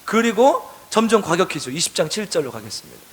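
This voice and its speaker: A man with a fairly high voice leads a sermon. He reads verses slowly and deliberately, then restates them in everyday talk. He often turns to the congregation with direct questions. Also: very animated, a little hiss or hum. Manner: reads scripture slowly, then paraphrases in casual speech. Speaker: pastor.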